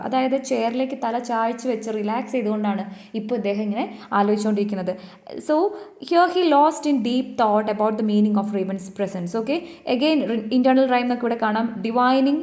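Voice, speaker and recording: A young woman with a Malayali accent teaching a poem. She reads the English lines slowly, then explains each one quickly in Malayalam. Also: fairly high pitch, a little mellow. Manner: explains each line, switching between Malayalam and slow read-aloud English. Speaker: English literature tutor. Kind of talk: poetry lecture for exam coaching.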